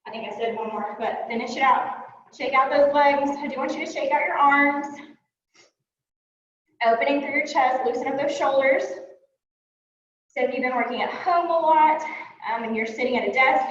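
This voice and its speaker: A woman fitness instructor cues a workout class in a fitness studio, talking as she moves and exercises, a little winded and using frequent fillers. Her high, fairly bright voice runs at normal speed with frequent pauses. The sound is dull and echoey from a distant mic, with slight background noise.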